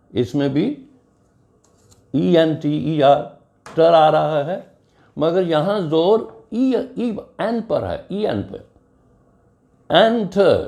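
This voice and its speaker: A man with an Urdu-flavored Pakistani English accent teaches an English grammar lesson, spelling words out letter by letter and explaining each rule step by step. His voice is a little high, creaky, and dark in tone.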